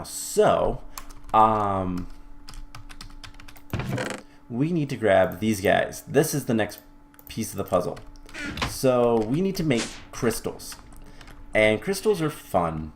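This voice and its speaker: A man's voice: on the low side, very animated, slow, long pauses, slight background noise. A man hosting a game let's-play who explains his building as he goes, thinking aloud with fillers and restarts and the odd wry aside. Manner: mildly wry, self-correcting. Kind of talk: casual gameplay commentary.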